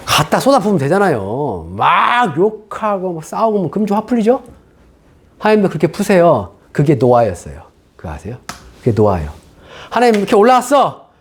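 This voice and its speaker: Male pastor, animated sermon delivery; high, very lively pitch; conversational, rhetorical questions. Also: a little fast, husky. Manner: casual, conversational preaching.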